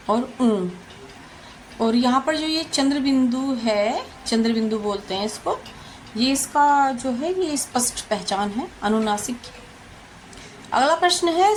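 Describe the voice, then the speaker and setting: A woman teacher working through exam questions one by one, repeating each answer and pausing often. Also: a little high, slight background noise, low-quality recording. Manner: slow, deliberate, repeats answers with frequent hesitations. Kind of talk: exam question walkthrough lesson.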